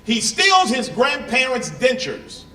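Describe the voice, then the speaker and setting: A man in his forties doing a stand-up comedy set, loud and punchy, throwing "right?" at the crowd in a live venue. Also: extremely high pitch, wildly swooping pitch, takes it slowly, slight background noise. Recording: echoey venue, mic from a distance, audience.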